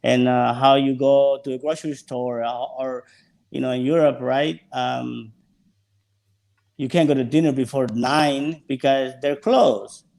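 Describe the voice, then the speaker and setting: A man's voice: medium pitch, steady tone, unhurried, vocal fry, darkish tone. A man from El Salvador, a sommelier guest talking casually and searching for his words. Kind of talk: casual interview chat.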